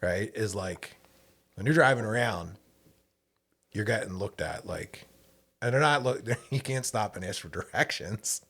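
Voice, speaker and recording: A man's voice: lowish voice, lively intonation, unhurried, pauses often, fairly bright tone. Laid-back man. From Philadelphia. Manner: laid-back, laughing asides. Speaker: podcast guest. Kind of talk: casual chat.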